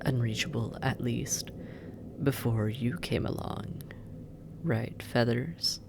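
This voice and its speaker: This scripted roleplay audio drama has an actor voicing a sardonic demon captor who speaks intimately to "you" at medium pitch, in a slow drawl with gravelly fry. The teasing delivery drifts into breathy murmurs and long pauses over clearly audible background noise.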